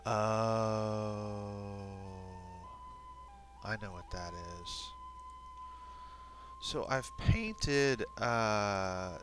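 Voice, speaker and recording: Alone at his desk microphone, a streamer making battle maps rambles and thinks aloud, using lots of fillers and sounding a bit sniffly. His fairly low voice is animated but extremely slow, with long pauses, and quiet music plays behind him on the live stream.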